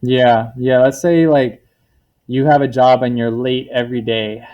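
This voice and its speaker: A man with a mid-pitched voice reads a children's picture book aloud in the role of a teacher, keeping a steady tone and a slightly slow pace. He puts words into simple terms and often turns to the class with questions to make sure they're following. The sound is lo-fi.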